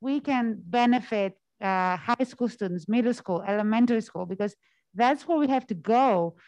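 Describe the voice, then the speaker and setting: A woman's voice: fairly high pitch, normal speed, a little mellow, no room sound, poor audio. A woman with a Greek accent asking a question from the audience at a seminar, hesitant and searching for words.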